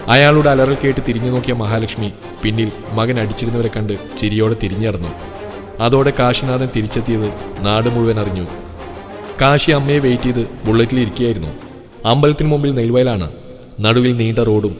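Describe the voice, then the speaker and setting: A man's voice: mid-range voice, brisk. Man narrating a story with reverb and music. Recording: long reverb with soft music.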